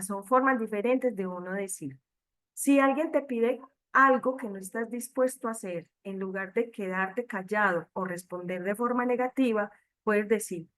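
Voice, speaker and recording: A woman's voice: medium pitch, fairly bright tone. A woman leading an online training talk for catechists, speaking directly to them. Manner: direct, addresses listeners as catechists. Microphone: computer mic on video call.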